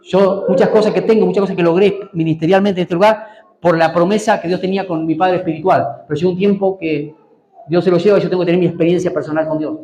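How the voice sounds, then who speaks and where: A man's voice: high voice, steady tone, quick pace, mellow, highs cut off, a little hiss or hum. A male pastor, preaching a sermon and prompting the congregation to answer. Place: church hall. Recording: echoey church hall.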